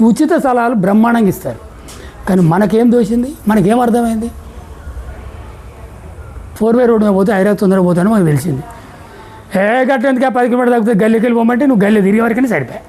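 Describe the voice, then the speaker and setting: A woman's voice: fairly high pitch, very fast, long pauses, dark tone, low-quality recording. A middle-aged woman with a Telangana Telugu accent giving a motivational sales seminar talk, firing rhetorical questions and acting out little dialogues.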